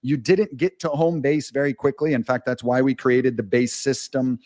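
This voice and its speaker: A man guesting on a podcast, talking in a mid-range voice as he rambles candidly through long stories. He speaks at an everyday pitch, frank and loose, with blunt asides along the way. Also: fairly even intonation, normal speed, a little mellow. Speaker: guest, author. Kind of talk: casual podcast conversation.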